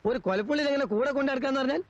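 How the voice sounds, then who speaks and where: Cheeky comic house servant. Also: male voice, extremely high pitch, no echo. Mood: boastful. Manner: quick-tongued, argumentative, comic. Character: cheeky talkative middle-aged male house servant. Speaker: film actor. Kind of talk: 1980s film comedy acting. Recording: dull lo-fi film soundtrack.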